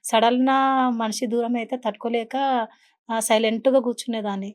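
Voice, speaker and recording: Fast-talking earnest woman guest. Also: on the high side, fairly even intonation, a little mellow. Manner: earnest, mixes English words into her speech. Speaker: interview guest. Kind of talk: emotional personal storytelling in an interview.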